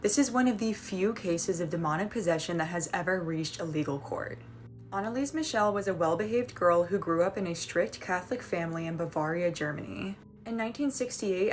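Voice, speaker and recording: A woman's voice: fairly low pitch, brisk, faint music behind. A woman reading a scripted true-story narration, with a conversational touch.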